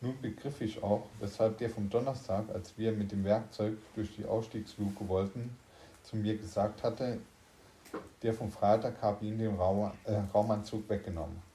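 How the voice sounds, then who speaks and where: A man's voice: on the low side, steady tone, moderate pace, dark tone, reverberant, slight background noise. A man reading a science fiction story aloud in German, unpolished, with slips and restarts. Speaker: story reader.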